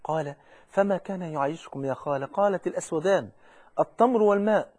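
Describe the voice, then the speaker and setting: A man preaching a sermon with an Egyptian Arabic accent, fervent, slowing into emphatic recitation when he quotes scripture. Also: high voice, a little mellow, no room sound. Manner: fervent, quoting hadith with slow emphatic recitation.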